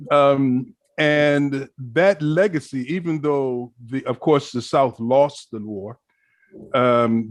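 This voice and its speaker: A man's voice: mid-range voice, dry recording. An American man from Virginia, a guest speaker answering interview questions thoughtfully over a remote call, with frequent fillers. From Richmond, Virginia, US. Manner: thoughtful, deliberate with many fillers.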